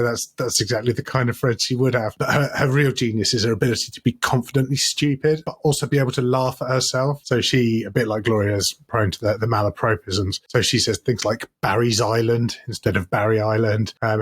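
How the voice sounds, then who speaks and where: A man's voice: medium pitch, fairly quick, few pauses, husky. A man co-hosting a comedy podcast, chatting casually and enthusiastically, with laughs between his points. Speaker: podcast co-host. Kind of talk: casual comedic ranking chat.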